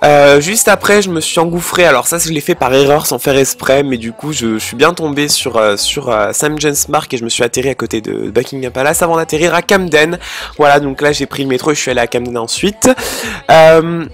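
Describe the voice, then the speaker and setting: A man's voice: on the high side, a little fast. A French teenage boy from France narrating his travel vlog in a chatty way, full of fillers and restarts. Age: teens. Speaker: travel vlogger. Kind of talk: casual travel vlog voice-over.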